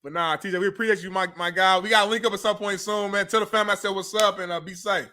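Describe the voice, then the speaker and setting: Male co-host, late twenties, quick and bright, playful and friendly. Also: sits high, fairly even intonation. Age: 20s. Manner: upbeat, agreeable, playful. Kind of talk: casual sports chat.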